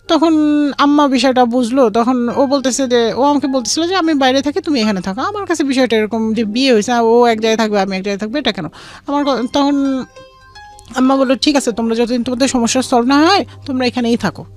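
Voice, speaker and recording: Speaking a little high and quickly, the same Bangladeshi-accented woman recounts personal memories as an interview guest, performing each side of past exchanges. Background music plays behind her.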